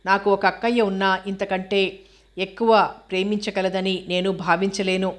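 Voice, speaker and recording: A shy, naive young woman, as a female narrator puts her on in a storybook reading. Her replies come short and guarded, in a flat, level voice of middling pitch. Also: normal speed, lightly acted.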